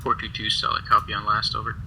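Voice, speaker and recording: A man's voice: fairly low pitch, monotone, fast, creaky. A man making a military-style radio call over a game radio, clipped call signs, ending each call with "over". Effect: heard over a game radio. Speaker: squad leader on the radio net. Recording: distant noisy radio voice.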